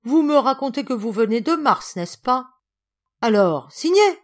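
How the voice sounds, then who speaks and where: A woman voicing a haughty alien lady official who speaks in a shrill, commanding way, for an audiobook. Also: animated, measured pace, a little mellow. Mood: mocking.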